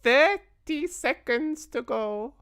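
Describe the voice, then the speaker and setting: A woman voicing a shrieking, imperious old witch leader in a storybook reading, with a shrill, hissing, theatrical delivery. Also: lively intonation, slow pace, fairly bright tone, clear, resonant tone, no echo, clean studio sound, full character voice. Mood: gloating countdown.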